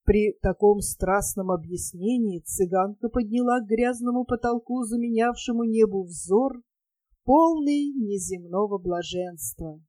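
A woman reading a novel aloud as an audiobook narrator, in an even, measured storytelling manner. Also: medium pitch, no echo.

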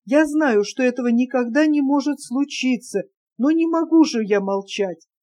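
An earnest, lovesick young dreamer who cannot keep quiet any longer, voiced by a woman reading aloud. The tone is mellow and warm, a little high. It is heard in a spoken audiobook. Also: moderate pace, close to an everyday voice. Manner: earnest, fervent confession.

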